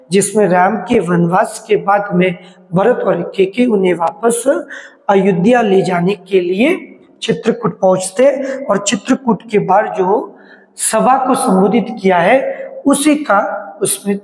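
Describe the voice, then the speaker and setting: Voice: medium pitch, a little mellow. Lecturer glossing verse in an echoey room. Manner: recites verse lines, then glosses them word by word. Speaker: college literature lecturer. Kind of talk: recorded lecture explaining a poem.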